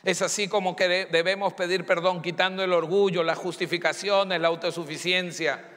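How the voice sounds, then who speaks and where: A man preaches a sermon from the pulpit, emphatic and dramatic as he acts out pleas and excuses. His voice sits high and rings bright. The long echo of a church hall trails every phrase. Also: steady tone, moderate pace. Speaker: pastor.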